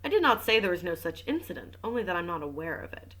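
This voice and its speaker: A woman's voice: lowish voice, sing-song, fast talker, fairly bright tone, rough recording. A woman voicing a worried, composed French wife in a casual read-aloud of a mystery novel, with a plain, polite delivery. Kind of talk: audiobook reading with commentary.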